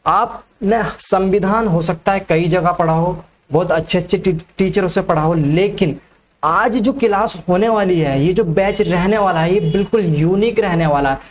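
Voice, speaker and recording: A man's voice: high voice, moderate pace. A male teacher giving an exam-prep lecture, who keeps asking questions and then answering them himself, repeating the key facts and often adding "ठीक है".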